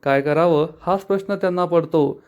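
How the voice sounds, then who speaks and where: A man narrating a recap of a television serial episode in steady, plain storytelling. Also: on the high side, moderate pace, clear, resonant tone, highs cut off.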